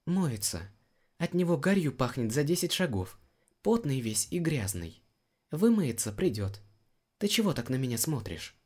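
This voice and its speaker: A male audiobook reader voicing a cheerful, lively young woman healer. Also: medium pitch, normal speed, voice pushed up. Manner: bright, lively, reassuring.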